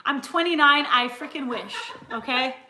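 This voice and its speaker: A woman hosting a casual live-stream chat, frank and chatty and quick to laugh, talking from home. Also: high-pitched, pushed and bright. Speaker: cooking channel host. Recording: roomy echo.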